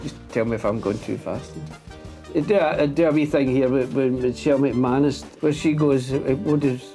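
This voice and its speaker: A man directs a pantomime with loose, jokey banter. His voice sits at an ordinary middle pitch. Music plays clearly underneath. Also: normal speed, mellow. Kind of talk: casual backstage chat.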